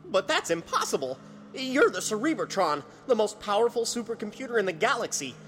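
A woman's voice: medium pitch, very animated, fairly quick, natural voice. Woman as an earnest boy sidekick. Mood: worried. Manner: eager, earnest. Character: earnest young boy cub reporter sidekick. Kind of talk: retro sci-fi radio drama acting.

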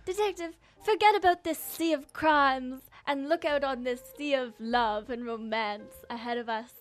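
A woman's voice: high-pitched, normal speed, lightly acted. A woman playing a detective's eager, romantic female companion, earnest and a little hesitant, in a comic noir radio play. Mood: romantic, pleading. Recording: music playing under the voice.

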